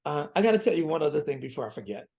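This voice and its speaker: A man's voice: a little high, vocal fry, darkish tone. A man in his seventies, a physician guest in an interview, speaking earnestly and repeating key phrases for emphasis. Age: 70s. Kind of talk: interview conversation.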